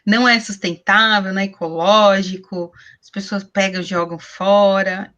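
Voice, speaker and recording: Teaching an online class over a video call, this woman in her forties uses her laptop webcam in a small room at home. Her mid-range voice holds a steady, bright, forceful tone at a moderate pace, but the audio is dull. As a workshop teacher, she chats and explains, posing questions to herself along the way.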